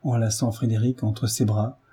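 A man reading a novel aloud as an audiobook narrator, measured and dramatic. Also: on the low side, flat delivery, warm tone, breathy edge. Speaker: audiobook reader. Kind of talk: scripted narration.

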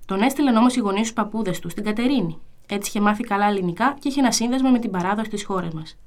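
A woman reading a first-person story aloud in a calm, measured storytelling manner. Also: mid-range voice. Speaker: reader.

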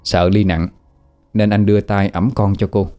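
Man narrating a ghost story, warm dark voice, soft music behind. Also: lowish voice, flat delivery, normal speed.

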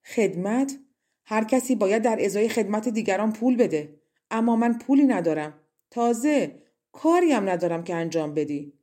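A woman's voice: medium pitch, close to an everyday voice. A woman voicing a greedy, scornful old crone who walks with a cane and mocks as she talks. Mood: suspicious. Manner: mocking, grasping, sharp-tongued.

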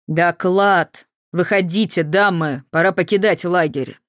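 A reader voicing a brutal male camp guard who shouts orders and mocks the prisoners, in an audiobook. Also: medium pitch, unhurried, no room sound, studio quality, lightly acted. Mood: barking. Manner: loud, barking orders, mocking.

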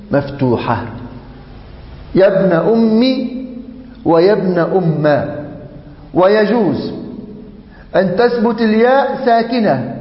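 A sheikh teaching a grammar lesson, chanting verses slowly and drilling examples for his class. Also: high voice. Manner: slow, drawn-out chanting of Quran verses and example forms; repeats examples to drill the class, checks in with the students. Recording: dull, echoey lecture hall audio.

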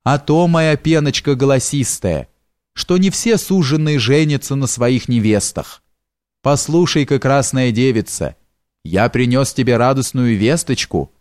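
A man's voice: mid-range voice, animated, unhurried, a little mellow, no room sound, lightly acted. Man doing a wheedling old abductor, sly, leering, storybook reading, dry close sound. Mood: coaxing. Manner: wheedling, coaxing with endearments.

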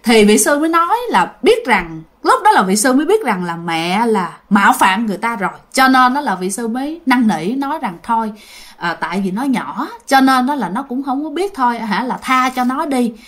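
A woman's voice: fairly high pitch, brisk. A woman telling a ghost story casually, speaking directly to her listeners. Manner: animated, addresses listeners directly.

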